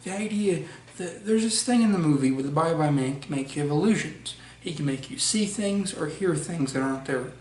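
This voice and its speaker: A young man giving a casual movie review, blunt and profane, often restarting his sentences. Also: high-pitched. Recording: roomy echo, voice far from mic, faint noise.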